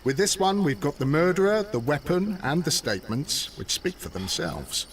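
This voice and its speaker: An actor playing a dutiful London police constable in a video game, official and matter-of-fact. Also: male voice, fairly high pitch, sing-song, normal speed, far from the mic, a little hiss or hum.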